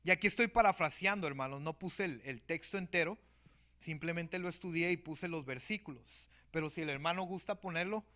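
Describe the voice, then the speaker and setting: Man preaching a church sermon, pitched a bit high, bright and forceful, keeps calling out to the brethren. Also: a little fast. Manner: emphatic, often calls out to the brethren. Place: church service.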